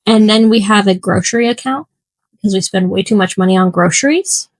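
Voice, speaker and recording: A young woman co-hosting a podcast, chatting casually in an animated, teasing way and laughing often. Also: medium pitch, brisk, no room sound, low-quality recording. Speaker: podcast co-host. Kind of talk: casual chat.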